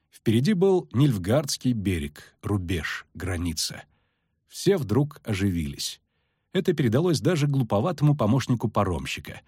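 Male audiobook narrator, husky tone, animated intonation, dry close mic, faint music bed. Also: no echo. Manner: expressive, dropping low and quiet for tension. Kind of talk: dramatic fantasy audiobook narration. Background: faint background music.

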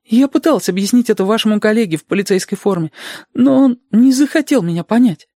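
A distressed young woman in mourning, earnest and politely formal, her voice pitched high and thin as a male reader puts her on. It is a dry, close audiobook read with no room sound. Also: fast talker, mellow, no echo. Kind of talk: audiobook character voice.

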